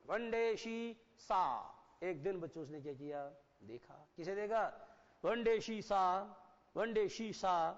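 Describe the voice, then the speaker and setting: A man teaching an English lesson to children, reading lines out slowly and explaining them with questions to the class. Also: high voice. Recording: dull lo-fi sound with long hall reverb.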